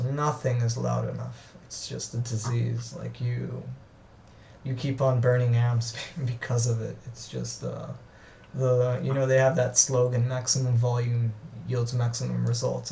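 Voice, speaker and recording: A gravelly-voiced man speaks from some distance in a roomy space, with faint noise underneath. He talks haltingly in casual conversation, restarting often and reaching for words. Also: medium pitch, flat delivery, warm tone. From grew up in the US, Australia and Israel. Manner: halting, many restarts and fillers. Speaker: interviewee. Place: lives in Israel.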